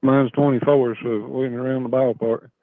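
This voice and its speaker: A middle-aged man from Kentucky with an Appalachian accent, chatting casually and haltingly as a folksy caller. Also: medium pitch, flat delivery, dry recording. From Kentucky, USA. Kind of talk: casual chat. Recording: muffled, band-limited phone call.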